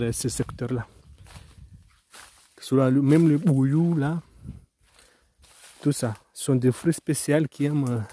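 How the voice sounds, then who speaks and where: Slow, mellow-voiced man with Mahoran accent. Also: medium pitch. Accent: Mahoran French. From Mayotte. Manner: hesitant, rambling, many restarts. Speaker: farmer. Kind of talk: casual farm vlog. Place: outdoors in his garden.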